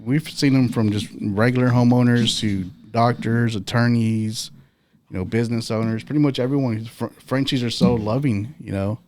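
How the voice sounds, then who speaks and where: A man's voice: medium pitch, fairly even intonation, normal speed, a little mellow, slight background noise. A man talking as a guest breeder in a casual interview, matter-of-fact and plain-spoken.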